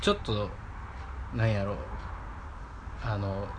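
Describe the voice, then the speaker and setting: A man's voice: on the low side, steady tone, slow, background noise. A man with a Kansai accent telling a comic story in casual chat, acting out quoted lines with sudden jumps in voice. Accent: Kansai Japanese. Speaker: podcast co-host.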